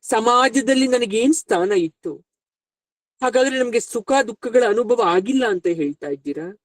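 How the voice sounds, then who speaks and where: A man's voice: very high-pitched, lively intonation, a little slow, no echo. A man voicing Dhritarashtra, an aggrieved blind old king who protests with pleading questions.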